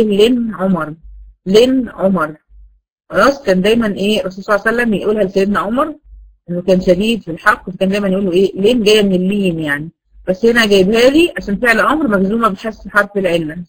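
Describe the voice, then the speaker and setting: Fast-talking Egyptian woman teacher. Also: medium pitch, poor audio. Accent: Egyptian Arabic. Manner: asks the class rhetorical questions and answers them. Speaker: Quran recitation teacher. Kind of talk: classroom lesson.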